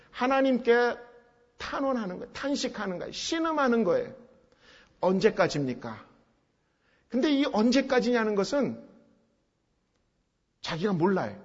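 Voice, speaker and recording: Pastor guy with a high voice explaining a psalm bit by bit, repeats stuff for emphasis, dull muffled sound. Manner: explains step by step with emphatic repetition. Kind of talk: expository sermon. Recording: dull sound with long hall reverb.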